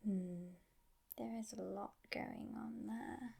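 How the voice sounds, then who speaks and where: A woman playing a teasing but gentle devil in an ASMR role-play, in a breathy, hushed voice with musing pauses. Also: a little high, fairly even intonation, heavily acted. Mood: coaxing, soothing. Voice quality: breathy, husky soft voice.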